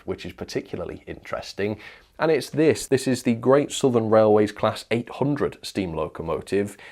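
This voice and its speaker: A man with a lowish voice and a darkish tone presents a model railway news show. His informal product reviews, given to camera or as voice-over, are talkative, keen and opinionated.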